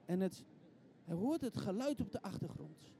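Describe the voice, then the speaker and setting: Preacher guy telling a bible story, gets intense, high voice, repeats words. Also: sing-song, normal speed, mellow, a little hiss or hum. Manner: vivid, building intensity, repeats words when restarting. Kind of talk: storytelling sermon to an audience.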